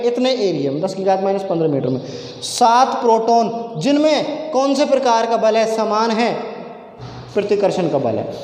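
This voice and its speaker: Long reverb fills the echoey classroom where this physics teacher lectures. His voice is very high yet dark in tone, and he keeps posing questions only to answer them himself.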